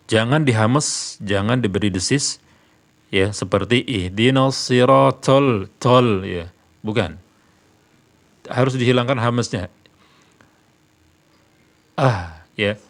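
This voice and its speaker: A man teaching correct recitation, explaining points patiently with frequent "ya" and drawn-out recited verses. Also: mid-range voice. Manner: repeats "ya" often, drawls verses slowly. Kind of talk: explanatory religious lesson.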